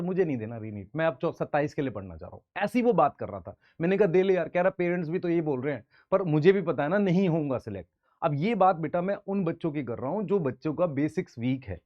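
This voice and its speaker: A man from in his thirties, in a fairly high voice as an exam coaching teacher talking straight to camera. He is earnest and direct, and he acts out what his students say back to him. The audio is dull and lo-fi, like a web video. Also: a little mellow. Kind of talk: direct-to-camera advice talk.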